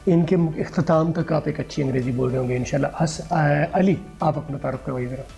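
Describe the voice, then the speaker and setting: A man's voice: a little high, a little fast, vocal fry, dark tone, lo-fi sound, faint music behind. A man teaching an English pronunciation lesson, patiently repeating words and phrases for his students.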